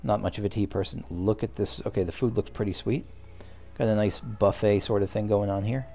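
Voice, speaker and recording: A let's play host with a lowish, gravelly, warm voice keeps a steady tone and a fairly quick pace. Soft music plays as he casually comments on the game, rambling and stopping himself as ideas come.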